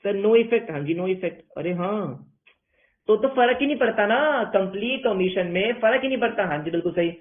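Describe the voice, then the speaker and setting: Male teacher, playful lecture style, fairly high voice, narrow tinny recording. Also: lively intonation, moderate pace. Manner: playful, answers his own questions in students' voices. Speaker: commerce teacher. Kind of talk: online accounting lecture. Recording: tinny phone-like sound.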